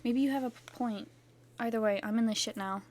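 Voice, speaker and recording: A woman voicing an anxious young man who confesses a crush, speaking hesitantly with halting starts. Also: fairly high pitch, darkish tone, natural voice. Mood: flustered.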